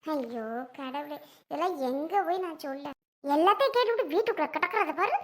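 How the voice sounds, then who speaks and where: A woman playing a sharp-tongued old village mother-in-law who nags and sneers. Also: sits high, lively intonation. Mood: scornful. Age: older. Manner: nagging, sarcastic, drawn-out complaints. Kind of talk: family comedy skit.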